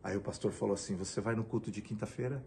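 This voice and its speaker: Gravelly-voiced man giving testimony. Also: on the low side, fairly even intonation, fast, a little mellow, a little hiss or hum. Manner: emotional storytelling, acting out dialogue. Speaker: pastor. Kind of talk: personal testimony.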